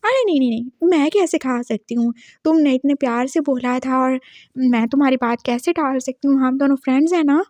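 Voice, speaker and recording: A woman's voice: sits high, a little fast, a little mellow, dry recording, lightly acted. A woman doing a sugary, scheming young woman. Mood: coaxing. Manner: coaxing, overly sweet.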